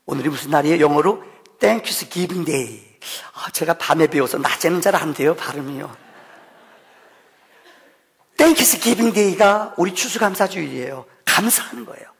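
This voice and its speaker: Middle-aged pastor guy preaching, high gravelly voice, swings loud then hushed, long church echo. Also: moderate pace. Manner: lively storytelling with sudden loud and soft swings; acts out quoted voices of his son. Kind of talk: Thanksgiving sermon. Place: church sanctuary. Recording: long hall reverb.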